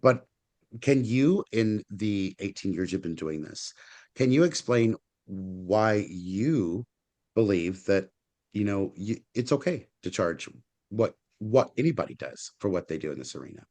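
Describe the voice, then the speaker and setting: A man's voice: lowish voice, animated, measured pace, a little mellow. A man co-hosting a podcast interview, asking a long question with hesitant, circling phrasing. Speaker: podcast co-host.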